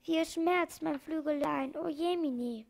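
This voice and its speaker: Woman doing a tiny sad moth, high wailing plea, slightly gravelly, storybook figure. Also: a little slow, darkish tone. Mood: pleading. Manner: wailing, pleading.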